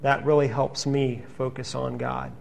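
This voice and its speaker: A man preaching a sermon, reading scripture passages in an earnest, steady teaching manner. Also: mid-range voice, measured pace, vocal fry, a little hiss or hum.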